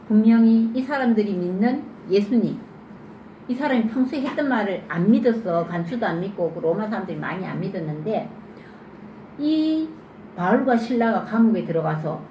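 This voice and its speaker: This is a children's sermon teacher, a woman with a medium-pitched voice, giving an interactive Bible sermon to children in church. She asks lots of lively questions and acts out scenes. The sound is lo-fi, echoey from the church room, with faint background noise.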